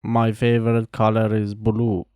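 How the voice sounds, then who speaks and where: A careful, mellow Iranian man in his twenties, a language teacher whose first language is Farsi, reads scripted practice answers. His delivery is slow, careful and evenly paced with pauses between answers, in a fairly low, monotone, clear and resonant voice with no echo.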